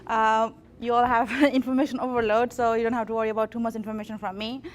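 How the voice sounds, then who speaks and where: Woman, bright voice, workshop talk. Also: on the high side, little pitch movement, quick pace. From Nepal. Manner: frequent fillers and restarts, self-deprecating humor. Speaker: extension plant pathologist. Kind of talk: workshop presentation.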